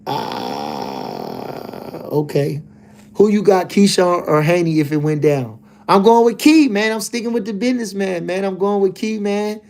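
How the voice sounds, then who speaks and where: Casting note: male streamer, slightly higher voice, loose rambling fight talk. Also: sing-song, a little slow, creaky, darkish tone, slight background noise. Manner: laid-back, loose and rambling, lots of "you know what I'm saying". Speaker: livestream host, boxing commentator. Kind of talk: casual livestream chat reading comments.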